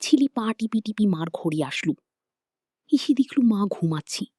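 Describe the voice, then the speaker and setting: A woman's voice: mid-range voice, lively intonation, measured pace, warm tone, husky, no room sound, clean studio sound. A woman telling an emotional family story aloud, repeating herself and restarting phrases. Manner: repetitive, with restarts.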